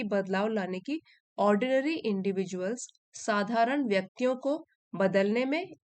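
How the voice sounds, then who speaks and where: A woman's voice: fairly high pitch, darkish tone. A woman with an Indian accent teaching English, reading a story line by line and explaining each word. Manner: reads English lines slowly, then explains each word. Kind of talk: bilingual reading lesson.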